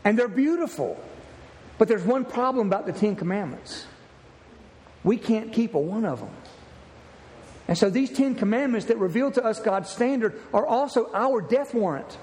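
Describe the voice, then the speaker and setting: Pastor, male, very high voice, earnest sermon delivery with restarts, reverberant church hall. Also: a little mellow. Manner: earnest preaching with repeated restarts. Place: church sanctuary.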